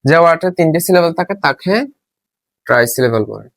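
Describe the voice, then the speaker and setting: A man's voice: a little high, lively intonation, fairly quick, no room sound. Man drilling a lesson, spelling words aloud. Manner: repetitive, asks and answers his own questions. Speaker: English teacher. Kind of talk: spoken classroom lesson.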